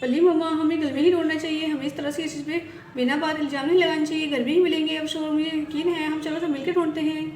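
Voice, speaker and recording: A woman voicing a fair-minded young daughter who reasons calmly with her mother, recorded in a roomy, noisy space. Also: high voice, fast talker, natural voice. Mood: reasoning.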